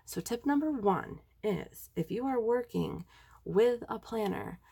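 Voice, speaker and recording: Sitting at a desk indoors, a young woman who makes planner videos chats through a tutorial with a voice made stuffy and nasal by a sinus infection. Her voice is on the high side, animated yet measured in pace, creaky and mellow with a breathy edge. She's enthusiastic and chatty, using lots of ums.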